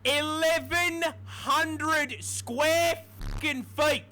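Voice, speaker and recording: A woman's voice: sits high, steady tone, drawn-out words, pushed and bright. A woman doing comedic scripted narration with a sweary, exasperated delivery. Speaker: video narrator.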